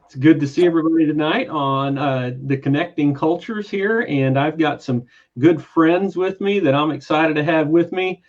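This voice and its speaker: Man, country American accent, host, halting with fillers, dull lo-fi recording. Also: fairly high pitch. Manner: hesitant, many fillers. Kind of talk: casual interview chat.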